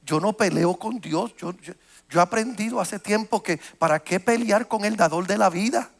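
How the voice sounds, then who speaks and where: Male pastor, sermon, high voice, gravelly fry, storytelling, repeated restarts. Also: moderate pace. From United States.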